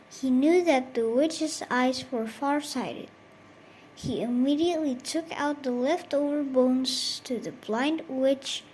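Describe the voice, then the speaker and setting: A woman reads a children's fairy tale aloud in a high voice, taking her time over each line. Her delivery is even and scripted, with a faint hiss behind it. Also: low-quality recording. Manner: slow, even reading. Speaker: storyteller. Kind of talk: scripted storybook narration.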